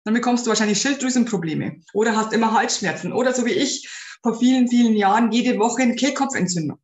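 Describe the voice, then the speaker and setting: A woman's voice: on the high side, fast, darkish tone. Woman coaching in a roomy space. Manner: earnest, direct, addresses listener as du. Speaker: podcast host, spiritual life coach. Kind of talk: casual spoken advice podcast. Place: room at home with a window. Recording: roomy echo.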